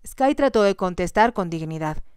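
A woman storyteller reading a romance novel aloud in a gentle, soft ASMR style, calm and slow. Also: on the low side, smooth, no room sound, clean studio sound.

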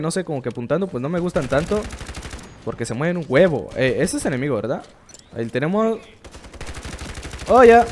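A man giving casual, excitable commentary over his own shooter gameplay, swearing and reacting quickly. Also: on the high side, a little hiss or hum. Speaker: gameplay streamer.

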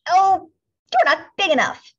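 A woman voicing a small grouchy ladybug that picks fights, with loud, brash taunts, on a slightly muffled recording. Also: on the high side, sing-song, unhurried, slightly rough, pitched above the performer's own voice, heavily acted.

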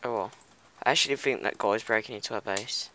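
A man's voice: lowish voice, brisk, sharp tone. A young man co-hosting a gaming video, joking and teasing in casual slangy chat.

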